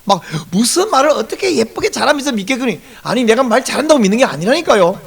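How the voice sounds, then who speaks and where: Man, pastor, Sunday sermon, high voice, gravelly, very lively pitch, animated storytelling. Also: fast talker. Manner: animated storytelling, acts out dialogue in varied voices.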